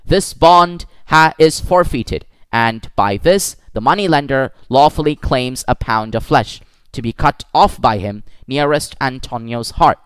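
A man reading the lines of a clever young woman lawyer in disguise, pleading in a firm, measured way. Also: mid-range voice, smooth, no room sound, natural voice. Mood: stern.

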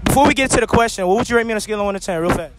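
A man's voice: high voice, rapid-fire, heavy background noise. A young man from Queens, hosting a casual outdoor street interview with slangy, hyped banter into a handheld mic. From Queens, New York. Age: young adult. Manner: hype, slangy, repeats filler tags. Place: outdoor festival field. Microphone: handheld mic held close.

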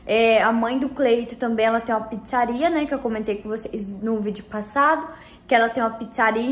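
A woman's voice: on the high side, darkish tone. A young Brazilian woman vlogging at home in a chatty, casual way, full of cute diminutives. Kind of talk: casual vlog chat.

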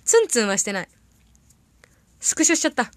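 Chatty high-voiced young woman livestreaming. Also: sing-song, dry recording. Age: young adult. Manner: chatty, rambling, quick reactions to comments. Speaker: idol audition candidate livestreaming. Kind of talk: casual livestream chat reading viewer comments.

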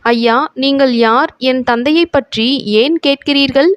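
A woman's voice: high voice, unhurried, clear, resonant tone, no echo, studio quality. A woman voicing an eager poor young lad. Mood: puzzled. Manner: excited, eager.

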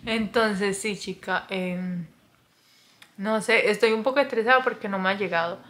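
A young woman talking to her phone camera in a casual confessional vlog, chatty and dramatic, with nervous laughs and soft murmured asides. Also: medium pitch, normal speed, noisy background. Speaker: vlogger.

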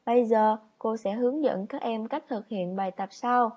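A woman teacher narrating a scripted lesson for children, instructive, reading example sentences out slowly like dictation. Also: fairly high pitch, darkish tone. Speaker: primary school teacher. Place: voice-over on lesson slides.

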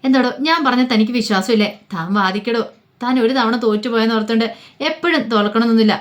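A woman voicing a young male lawyer who teases at first and then gently reassures, told in a spoken story retelling. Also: on the high side, fast, natural voice. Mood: reassuring. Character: young male lawyer, teasing but supportive.

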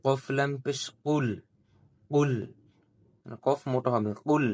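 A man teaching Quran recitation, spelling out letters and vowel marks and repeating each syllable slowly, with drawn-out melodic chanting of the verses. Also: mid-range voice, fairly even intonation, a little mellow. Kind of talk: slow letter-by-letter recitation lesson.

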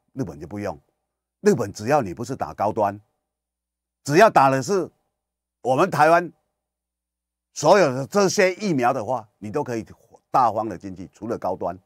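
A man from Kinmen, hosting a political talk radio show with animated, sarcastic ranting. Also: on the low side, no room sound, studio quality. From Kinmen, Taiwan.

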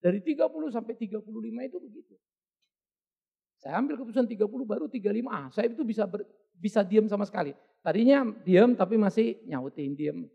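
A woman's voice: medium pitch, animated, quick pace, creaky, breathy edge, dull audio. A man quoting an elderly woman who talks in a plain, chatty way. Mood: recounting. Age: older. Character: calm elderly woman recalling her marriage.

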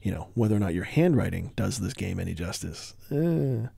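A man's voice: low voice, sing-song, normal speed, creaky, warm tone, husky, dry recording. A man giving a casual board game review, rambling with wry asides and breaking off mid-thought.

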